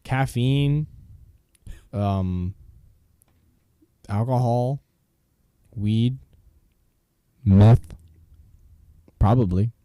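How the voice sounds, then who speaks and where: A young man in goofy, playful podcast banter, riffing on jokes and laughing easily. His voice has a mellow, relaxed tone at a middle pitch. The recording is dry and close. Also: extremely slow, long pauses, clear, resonant tone, no echo. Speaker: co-host. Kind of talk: casual podcast chat.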